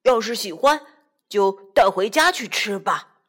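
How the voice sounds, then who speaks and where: A woman's voice: medium pitch, lively intonation, unhurried, fairly bright tone. A woman voicing a cheerful, generous grey wolf in a children's storybook, friendly and inviting.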